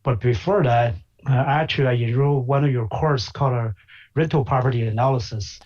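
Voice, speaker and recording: Speaking in a mid-range, darkish voice, the interview guest, a physician and investor from China, comes across as hesitant with many filler pauses. The call sounds slightly dull.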